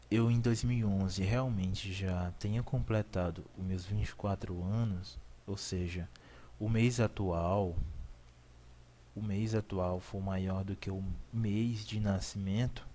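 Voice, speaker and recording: The voice belongs to a young man in his 20s, a programming instructor teaching beginners to code via screen recording. It's lowish with a darkish tone, and a slight hiss or hum can be heard. His style is repetitive, with self-corrections and frequent "ok?" check-ins.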